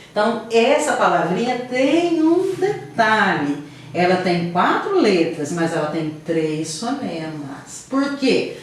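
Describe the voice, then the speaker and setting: A woman teacher giving a lesson, explaining patiently and often checking in with her pupils. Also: medium pitch. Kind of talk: online class lesson. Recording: very echoey room, voice from a distance.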